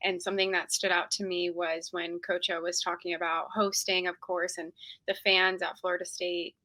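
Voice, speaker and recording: A woman's voice: lowish voice, flat delivery, moderate pace, bright, forceful tone, dry recording. A young woman hosting a casual sports podcast interview, chatty and upbeat with frequent fillers. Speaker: podcast host.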